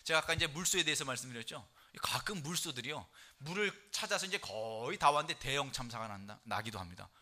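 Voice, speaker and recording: A middle-aged male pastor preaching a sermon, animated and emphatic, reading scripture loudly and dropping low for key points. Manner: animated preaching, quick and emphatic, rising loud for scripture quotes; drops to low soft tones for key points.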